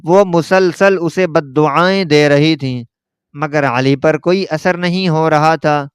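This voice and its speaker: A man's voice: a little high, clear, resonant tone, dry recording, clean studio sound. A man giving a dramatic first-person narration of a scripted story.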